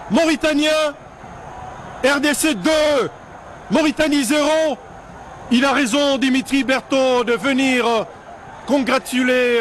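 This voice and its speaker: An excited male football commentator calls a goal in a high, shouted voice. His words come out slowly and drawn out, over clear background noise.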